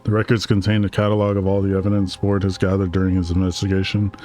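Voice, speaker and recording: A man's voice: low-pitched, monotone, fast, dark tone. A man casually commenting as he plays a game, chatting and reading its text aloud. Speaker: streamer playing a game. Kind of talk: casual let's-play commentary.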